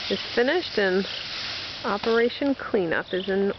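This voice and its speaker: A woman's voice: mid-range voice, a little slow. A woman filming a home video outdoors in a yard and narrating from behind the camera, announcing the chores in a playful mock-official way. The sound is old camcorder audio. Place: outdoors in a yard during tree cutting. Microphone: built-in camcorder mic, speaker behind the camera. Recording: dull lo-fi camcorder audio with clear noise.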